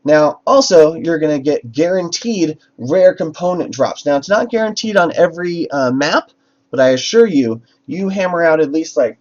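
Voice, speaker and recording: A man's voice: fairly high pitch, animated, moderate pace, darkish tone. Chatty male livestream host, lo-fi audio. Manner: chatty, many fillers and restarts. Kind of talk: casual livestream talk to chat. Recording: dull lo-fi stream audio with faint music.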